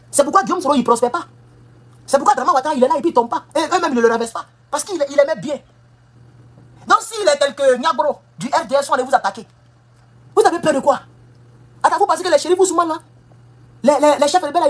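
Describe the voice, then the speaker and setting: A woman's voice: high-pitched, husky. A woman giving an impassioned political monologue, emphatic and scolding, firing off rhetorical questions. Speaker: political commentator. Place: United States.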